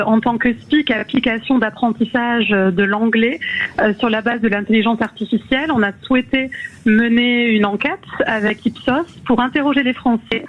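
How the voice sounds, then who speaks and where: A woman speaking as a radio guest for a language-learning app, measured and agreeable, with many fillers and repetitions. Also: on the high side, lo-fi sound. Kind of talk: radio interview.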